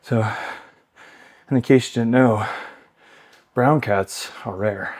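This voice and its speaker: A man's voice: mid-range voice, slow pace, a little mellow. Breathless man coaching on a bike. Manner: chatty, loose, rambling between cues. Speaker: workout host. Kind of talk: casual coaching while cycling. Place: home exercise bike.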